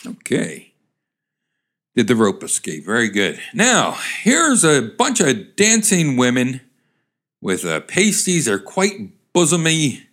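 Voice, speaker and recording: A man with a lively, swooping voice rambles through descriptions of cartoon pictures and reads corny jokes. He fills gaps with "uh", restarts often and punches up the quoted lines. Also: medium pitch, slow. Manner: rambling, chuckling, hammy voices for quoted characters. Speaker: comedic reader of old joke cartoons. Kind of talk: ad-libbed comic commentary and joke reading.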